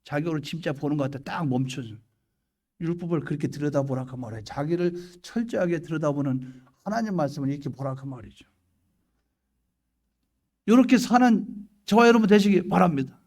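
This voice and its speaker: Preaching to his congregation, this middle-aged pastor has a slightly high, expressive voice and a fairly quick pace. He alternates hushed prayer with loud questions and plays out small scenes himself.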